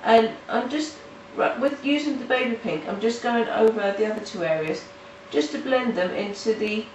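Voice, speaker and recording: At home in the countryside, a woman with a slightly high, hay-fever-nasal voice talks casually through a coloring tutorial, halting with restarts and fillers. The mic sits at a distance in a roomy space, and there's faint noise.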